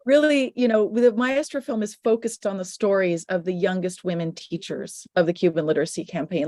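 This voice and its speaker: A woman's voice: on the low side, a little mellow, no room sound. A middle-aged woman, a filmmaker answering questions in an online panel, speaking thoughtfully and restarting phrases. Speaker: guest filmmaker.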